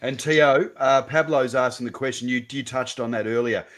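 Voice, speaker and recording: A man's voice: mid-range voice, steady tone, normal speed, fairly bright tone. A man on a live stream bantering with viewers and relaying their questions in a jovial way. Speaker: ham radio reviewer.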